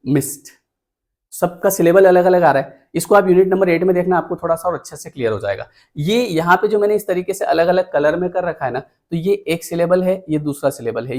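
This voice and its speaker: A man's voice: fairly high pitch, a little mellow. A male teacher giving an exam-prep lecture on poetry meter, explaining step by step and often checking in with the class. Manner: counts items aloud while pointing at the screen.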